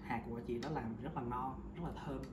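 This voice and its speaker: A Vietnamese home cooking vlogger in his thirties casually demonstrates a homemade recipe in his indoor kitchen, chatty and full of hesitations. His mid-range voice is fairly even and a little fast, captured from a distance by a camera mic on the counter. The roomy kitchen leaves him off-mic, with loud background noise.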